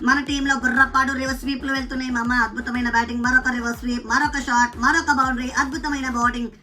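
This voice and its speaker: A woman giving excited, casual play-by-play commentary on a cricket video game, exclaiming and repeating phrases. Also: high-pitched, rapid-fire, recorded from a distance, faint music behind. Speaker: gaming commentator.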